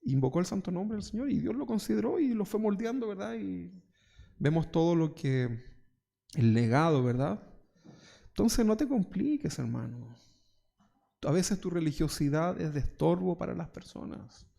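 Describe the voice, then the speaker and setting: A man's voice: high voice, lively intonation, normal speed, creaky, warm tone. A male pastor with a Chilean Spanish accent, giving a conversational sermon full of rhetorical questions and mocking asides. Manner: conversational preaching, rhetorical questions, mock voices.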